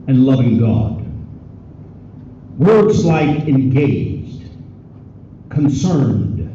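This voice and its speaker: A man's voice: sits high, dark tone, a little hiss or hum. A man, a chaplain, delivering a ceremonial invocation prayer in a rhythmic preacher's cadence. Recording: echoey hall from a distant dull mic.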